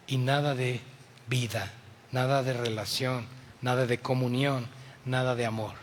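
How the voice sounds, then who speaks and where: A male pastor with a Mexican accent preaches an impassioned sermon, moving between loud appeals and hushed words. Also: mid-range voice, fairly even intonation, measured pace, in a large hall, slight background noise.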